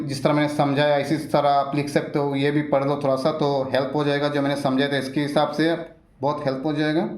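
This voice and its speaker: A man teaching an exam-prep lesson in a roadside coaching centre, often repeating himself and urging viewers to stay, recorded without a microphone. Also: fairly high pitch. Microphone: no microphone, device's built-in mic. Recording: echoey room without a microphone. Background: occasional road traffic.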